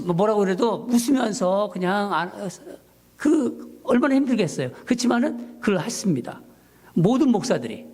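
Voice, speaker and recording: A male pastor preaching a Sunday sermon in a church. His voice sits a little high and swings widely in pitch. He tells a story from his ministry with lively, animated delivery. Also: breathy edge. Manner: storytelling, animated, rising when quoting his own prayers. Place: church sanctuary.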